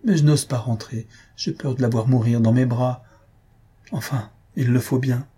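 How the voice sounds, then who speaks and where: Anxious young woman, read by a man, pleading, raised husky voice, mellow tone. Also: medium pitch, steady tone, normal speed. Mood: resigned. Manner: pleading, emotional.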